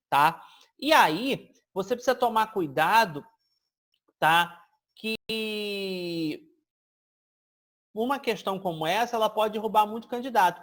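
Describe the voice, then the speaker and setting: A man teaching an exam-prep grammar lesson. He explains step by step, keeps checking in with his listeners, and stretches out example words to demonstrate them. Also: high-pitched.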